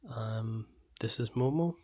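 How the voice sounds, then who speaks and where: A man teaching an online course, talking directly and practically in a relaxed way, his throat a little hoarse. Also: lowish voice, takes it slowly, muffled recording. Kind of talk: casual recorded lesson.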